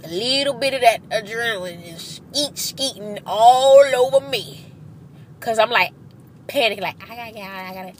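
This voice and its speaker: A woman's voice: a little high, moderate pace. A woman chatting casually and animatedly while driving in traffic, swearing freely, recorded in her car. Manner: chatty, profane, animated storytelling. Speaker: vlogger. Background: faint car and road noise.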